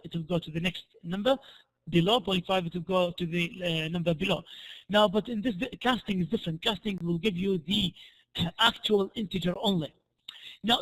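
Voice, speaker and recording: Hoarse, high-pitched man giving a lecture. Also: fairly bright tone, poor audio. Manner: halting, repeats and restarts phrases. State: hoarse, voice worn out from a previous lecture. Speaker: programming lecturer. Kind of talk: spoken lecture with worked examples.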